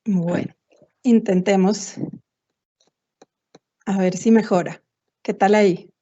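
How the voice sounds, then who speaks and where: A woman presents in a mellow, measured way, working slowly through a list. Her words keep dropping out on a bad video-call connection, and the sound is muffled and lo-fi throughout. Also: mid-range voice, fairly even intonation. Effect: choppy, breaking-up video call audio. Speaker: webinar presenter. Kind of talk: formal online presentation. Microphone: computer mic on a video call. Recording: muffled, cutting-out internet call.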